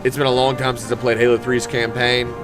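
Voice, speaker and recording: Man commentating over loud game music. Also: medium pitch, flat delivery, brisk. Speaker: gamer commentator. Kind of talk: casual game walkthrough commentary. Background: loud game music and vehicle sounds.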